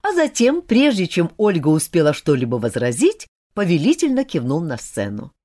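A woman narrating a novel as an audiobook with expressive storytelling. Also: lowish voice, normal speed.

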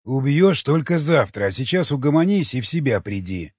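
A man voicing a gruff, stern older man. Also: medium pitch, very animated, moderate pace, no echo, lo-fi sound. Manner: stern, commanding.

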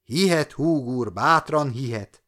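A man's voice: medium pitch, animated, fairly bright tone. A gloomy, grumbling old salesman from a storybook tale, as a male narrator puts him on. He laments his age in a voice that rises and falls widely, older man's weariness in every phrase. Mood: gleeful.

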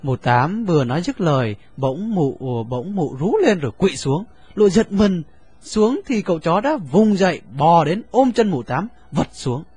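A man narrating a story in an expressive, lively reading. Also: high voice, moderate pace, husky.

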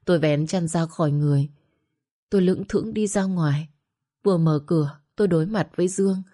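A woman's voice: fairly low pitch, a little fast, dark tone. A woman narrating a dramatic first-person story of grief in an emotional storytelling voice.

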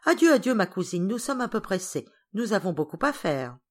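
Woman reading a curt, gruff father. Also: on the low side, animated, moderate pace.

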